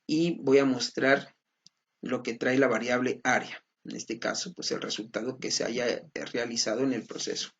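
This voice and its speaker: Male teacher, husky gravelly voice, patient lecture pace, dull lo-fi recording. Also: medium pitch, fairly even intonation, normal speed, fairly bright tone. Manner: patient, repeats points, checks in with students. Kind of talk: recorded lecture explaining slides.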